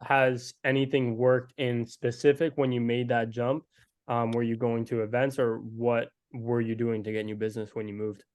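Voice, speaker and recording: A man's voice: mid-range voice, little pitch movement, normal speed, darkish tone, no echo. A man from the Czech Republic hosting a podcast, asking questions with frequent fillers. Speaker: podcast host. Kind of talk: podcast interview.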